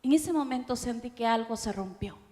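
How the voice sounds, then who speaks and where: A middle-aged woman pastor with an Ecuadorian accent, preaching an emotional testimony that swings from hushed to loud. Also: on the high side, expressive. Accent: Ecuadorian Spanish. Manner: emotional, slow, dramatic shifts from hushed to loud. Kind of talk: sermon testimony. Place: conference auditorium. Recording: long hall reverb.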